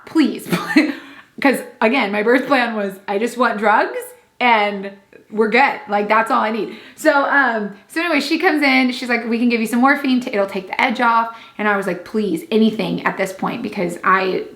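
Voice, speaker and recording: A woman's voice: on the high side, a bit bright, reverberant. A young woman telling a personal story in a casual vlog, chatty and laughing, with lots of fillers and quoted asides. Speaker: vlogger.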